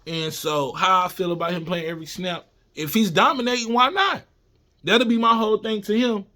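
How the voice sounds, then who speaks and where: Animated man in casual sports talk. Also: high voice, brisk. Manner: animated, repeats himself, addresses viewers as y'all. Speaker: sports vlogger. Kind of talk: casual sports commentary monologue.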